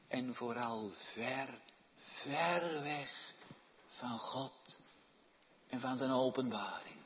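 A man preaching a sermon in a church, swinging from hushed, slow words to loud calls. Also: a little high. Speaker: pastor. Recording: dull echoey church hall.

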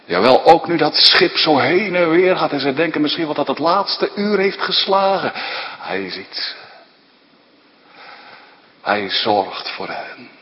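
A man's voice: fairly high pitch, lively intonation, measured pace, pauses often, lo-fi sound. A man dramatically retelling a Bible story, asking his listeners rhetorical questions as a preacher. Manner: vivid, asks listeners rhetorical questions, tag "hè". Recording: long reverb of a large hall.

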